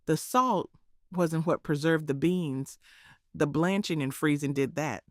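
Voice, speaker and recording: A woman's voice: low-pitched, unhurried, no echo, clean studio sound. A woman with a Southern US accent narrating in a homespun, preachy storytelling manner, as if passing on cooking wisdom from a script. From southern United States.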